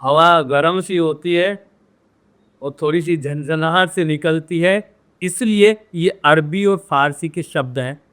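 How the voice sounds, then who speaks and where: A man teaching a Hindi grammar lesson, drilling pronunciation by repeating words slowly and checking in with viewers. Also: on the high side, fairly bright tone, clean tone. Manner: addresses viewers directly with frequent "है ना?". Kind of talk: classroom-style grammar lesson.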